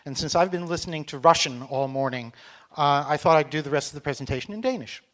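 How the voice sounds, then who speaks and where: On stage in a conference hall, a middle-aged Texan delivers a talkative, humorous presentation. He slows his speech for the benefit of a foreign audience, and his voice sits slightly high.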